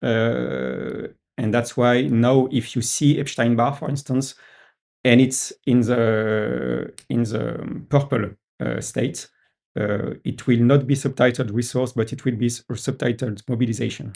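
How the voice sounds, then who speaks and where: A man with a French accent explaining app features in casual talk, pausing often with fillers. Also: medium pitch, fairly even intonation, creaky, a little mellow. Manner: hesitant, many "uh" fillers. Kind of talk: casual video-call discussion.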